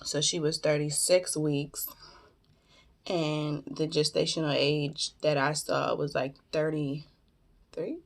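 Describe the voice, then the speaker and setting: A woman's voice: low voice, little pitch movement, slow, creaky. A woman chatting casually through storytime, talking with her mouth full as she eats and using informal, slangy phrasing. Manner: informal slangy storytelling, acting out quoted dialogue. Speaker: vlogger telling personal stories. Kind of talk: casual storytime mukbang chat.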